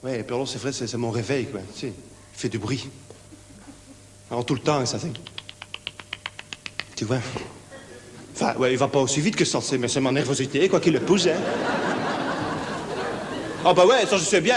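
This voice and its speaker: A man's voice: on the high side, big-room sound, slight background noise, lightly acted. An actor playing a nervous, naive, lonely insomniac man on stage, rambling with a Belgian French accent and constant verbal tics. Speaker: stage comedian. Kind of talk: one-man stage show. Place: theatre stage with live audience.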